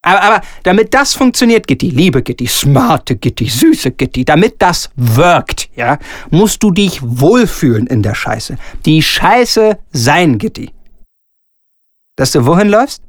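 A man reading aloud and voicing a pompous, bullying theatre director who swings between sugary coaxing and shouting. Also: high voice, big pitch swings, fast, few pauses, dry recording, studio quality, pitched above the performer's own voice. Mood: ranting, wheedling. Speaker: stage director. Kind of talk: solo reading of a comic radio scene.

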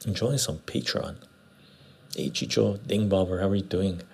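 A man with a gravelly, husky voice chatting casually as a livestream host, laid-back and repeating short phrases, recorded on a clip-on lapel mic. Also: sits low, moderate pace, darkish tone, slight background noise. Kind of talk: casual livestream chat, greeting viewers and reading comments. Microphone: clip-on lapel mic into external recorder.

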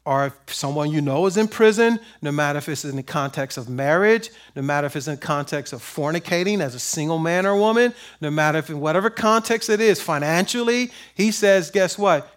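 High-voiced man preaching with call-and-response. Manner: call-and-response questions, rising to emphatic peaks. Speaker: pastor. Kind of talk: sermon.

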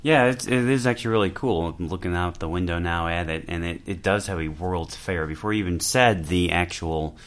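Deep-voiced male podcast host. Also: brisk, hardly any pauses. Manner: relaxed, chatty, friendly questions. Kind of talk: casual podcast interview.

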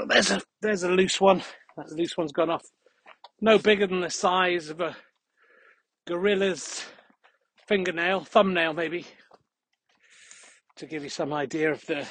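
A man's voice: high-pitched, fairly even intonation, moderate pace, pauses often, fairly bright tone, breathy edge. A man hosting a podcast as a casual, rambling monologue while walking outdoors on a country path. He is out of breath and adds dry, jokey asides. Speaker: podcast host.

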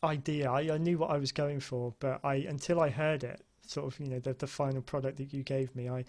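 A man's voice: medium pitch, fairly even intonation, a little fast, a little mellow. A man with a southern British accent hosting a casual interview in a hesitant, rambling, enthusiastic way. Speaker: podcast host.

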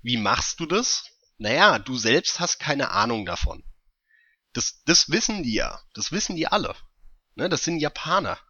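Animated man explaining with energy. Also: mid-range voice, moderate pace, dry recording, dull audio. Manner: animated, explains with hypothetical scenarios. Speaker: podcast co-host. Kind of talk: casual gaming podcast chat.

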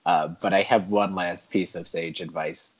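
A man chatting as a podcast guest, with dry, deadpan joking. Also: deep voice, unhurried, breathy edge, highs cut off. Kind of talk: casual chat.

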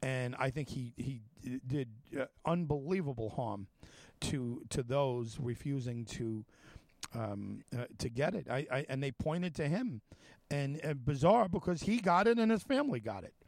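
Halting male talk show host. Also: medium pitch, lively intonation, creaky, a little mellow, no echo. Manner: halting, many fillers and restarts. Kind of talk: casual interview chat.

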